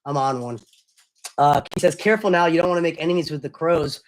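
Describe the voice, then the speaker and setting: A man's voice: on the high side, fast. A young man streamer chatting casually with his live chat, loose and slangy, often apologizing.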